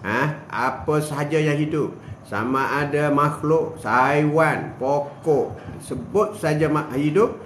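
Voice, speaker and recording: An older man giving a casual religious talk, animated and full of rhetorical questions, joking with people in the room. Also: fairly high pitch, takes it slowly, a little hiss or hum. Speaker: religious speaker. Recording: roomy echo with faint ambience.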